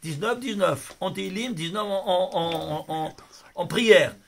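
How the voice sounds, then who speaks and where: A rabbi giving a lively lesson, exclaiming over numbers and speaking straight to his listeners. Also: sits high, measured pace, gravelly. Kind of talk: Torah lesson on gematria.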